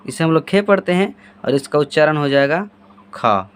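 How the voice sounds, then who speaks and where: A man's voice: a little high, brisk, smooth. A man teaching Urdu handwriting step by step, asking and then answering his own questions as he writes. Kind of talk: step-by-step writing lesson.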